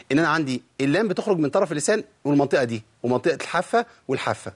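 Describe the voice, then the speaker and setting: A man with an Egyptian Arabic accent teaching Quran recitation to students. He keeps quizzing them with rhetorical questions and demonstrates the sounds himself. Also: on the high side. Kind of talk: spoken lesson to students.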